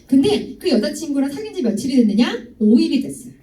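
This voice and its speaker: A woman's voice: high voice, quick pace. A young woman giving a youth sermon in a church hall, telling stories and teasing students with questions. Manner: lively, teasing, asks students directly. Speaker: youth ministry speaker. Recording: echoey hall, voice from far off.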